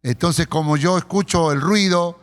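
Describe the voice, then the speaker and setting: A male pastor with a Peruvian Spanish accent, preaching a sermon in church and telling stories with slow, emphatic phrasing. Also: fairly high pitch. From Peru. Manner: storytelling with acted quotes, slowing for emphasis.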